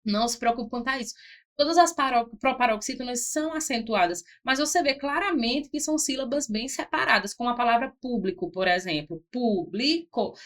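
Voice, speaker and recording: A woman's voice: fairly high pitch, a little fast, a bit bright. A woman teaching an exam-prep grammar lesson, spelling out syllables and checking in with "certo?". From Brazil.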